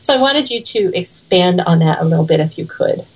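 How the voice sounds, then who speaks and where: A woman's voice: fairly low pitch, expressive, fairly quick, far from the mic, rough recording. A woman hosting a casual interview on a talk radio show.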